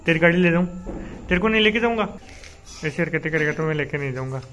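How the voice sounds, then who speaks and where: A young man filming a casual family vlog, chatting and teasing children loudly as he goes. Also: a little high, animated, quick pace, faint music behind. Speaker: vlogger.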